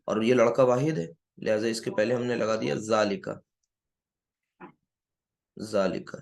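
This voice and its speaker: A man giving a classroom grammar lecture who keeps quizzing his students and slowly repeats key words. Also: medium pitch, darkish tone. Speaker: Arabic grammar teacher.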